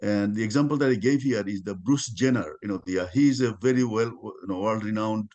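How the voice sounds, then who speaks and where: A middle-aged man giving an informal talk at a religious study circle over a video call, part of it read aloud, full of halting restarts and fillers. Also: lowish voice, darkish tone, highs cut off.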